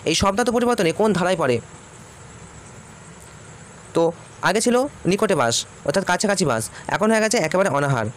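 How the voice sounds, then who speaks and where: A man talks fast and high as he works through exam questions. He reads each question, then states and repeats the answer for students. Faint traffic noise runs behind him. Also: lively intonation. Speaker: teacher.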